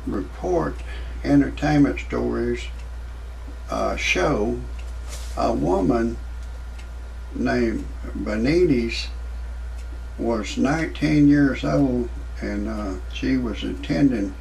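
A man's voice: medium pitch, slow pace, gravelly, long pauses, a little mellow, a little hiss or hum, low-quality recording. A man in his sixties hosting a parody show, rambling through a comic monologue with many fillers and restarts. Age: 60s.

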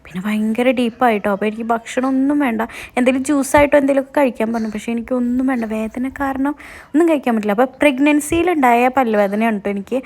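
A woman's voice: fairly high pitch, very fast, darkish tone. A woman, talking through a casual vlog while in pain after a tooth extraction, chatty and adding tag words as she goes. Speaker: vlogger.

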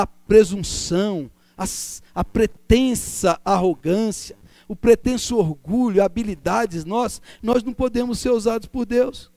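A man preaching a sermon in a strikingly high voice. He delivers repetitive lists with fervor, swinging between raised cries and hushed low passages. The recording is close and dry, with no room sound. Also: no room sound.

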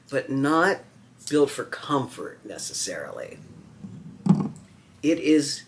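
A man talks through a knife review at home, wry and campy, full of chatty asides. His pitch swings widely from phrase to phrase, and he takes his time, speaking slowly. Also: fairly bright tone. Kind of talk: casual vlog review.

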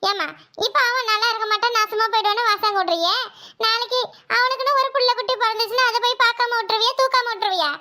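A woman's voice: very high voice, fast talker, bright, forceful tone. A woman voicing a young elder sister in a cartoon, pleading and reasoning for her brother. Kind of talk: cartoon voice acting.

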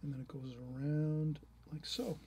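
A man's voice: on the high side, flat delivery, unhurried, a little mellow, a little hiss or hum. A middle-aged man teaching a painting lesson, talking aloud as he draws, encouraging and rambling. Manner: encouraging, rambling, many restarts. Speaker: art teacher. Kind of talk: painting tutorial, thinking aloud while drawing.

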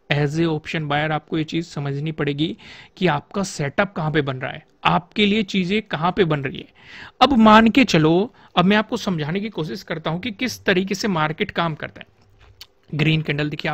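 A man's voice: sits high, dry recording. A man teaching stock chart analysis, explaining in an instructive way and often posing rhetorical questions to the viewer. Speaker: stock market trading teacher.

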